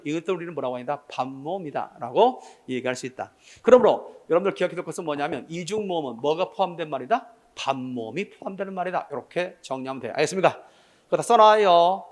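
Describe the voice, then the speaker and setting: A man lecturing on Korean grammar for civil service exam students, quizzing the class with rhetorical questions and mixing formal and casual speech. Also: on the high side. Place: lecture room with blackboard.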